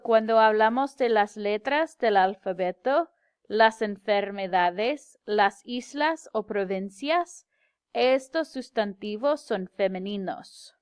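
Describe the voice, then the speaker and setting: Slow, clear-spoken woman teacher. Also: on the high side, dry recording, clean studio sound. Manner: slow, careful, clearly enunciated explanation with English glosses. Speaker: Spanish teacher. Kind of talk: slow classroom grammar lecture.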